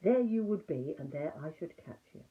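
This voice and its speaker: Through phone-like, narrow sound speaks a small, eager piglet from a children's storybook, acted by a woman. He is a questioning, helpful companion whose pitch jumps about in a lively way. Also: moderate pace, close to an everyday voice. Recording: muffled, narrow phone-like audio.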